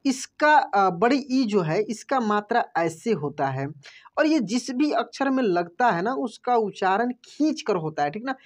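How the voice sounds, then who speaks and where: A man teaching a Hindi lesson online, patiently explaining and slowly drawing out each word before repeating it. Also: very high-pitched, dull audio. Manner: addresses viewers as friends, patient and explanatory. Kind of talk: online lesson, reading words aloud.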